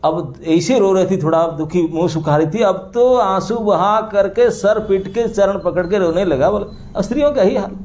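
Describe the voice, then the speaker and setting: Animated preacher with a mellow voice. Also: male voice, high-pitched, a little hiss or hum. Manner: animated, acts out the characters' crying and pleading with laughter. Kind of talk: scripture storytelling sermon. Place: temple hall before a seated audience.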